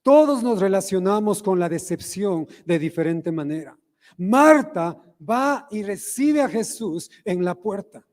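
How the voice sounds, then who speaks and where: A man's voice: high voice, lively intonation, unhurried, a little mellow, big-room sound. A male pastor with an Ecuadorian accent, preaching a sermon in church and putting questions to the congregation. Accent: Ecuadorian Spanish. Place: church sanctuary.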